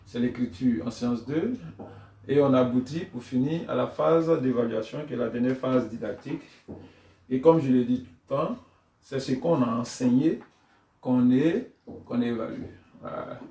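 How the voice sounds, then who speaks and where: A man giving a tutorial for teachers, explaining lesson steps deliberately and chanting syllables aloud to show how they are read. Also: mid-range voice, warm tone. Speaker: teacher trainer. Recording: echoey room, voice from far off.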